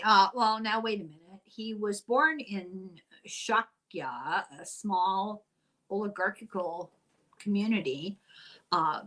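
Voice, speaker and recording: A woman's voice: mid-range voice, fairly bright tone, poor audio. An older woman with an Irish accent hosting a casual explainer, chatty and wry with digressive asides. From Ireland. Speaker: host.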